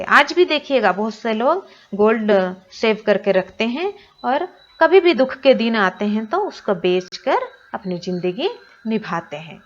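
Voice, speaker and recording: A woman's voice: mid-range voice, a bit bright, highs cut off. A woman teacher explaining a textbook lesson, reading each line and then restating it with English glosses.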